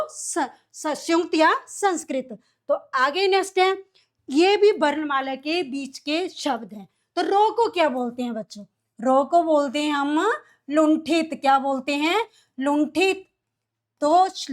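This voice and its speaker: A woman teaching young children, asking each question and then answering it herself, repeating key words in a call-and-response classroom lesson. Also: high-pitched. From India.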